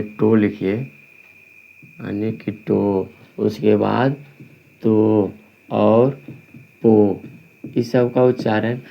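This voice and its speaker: A man with a Bihari Hindi accent teaching a grammar lesson, asking and answering his own questions and dictating slowly and repetitively. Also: medium pitch, vocal fry, dull audio. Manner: slow dictation, drawn-out words.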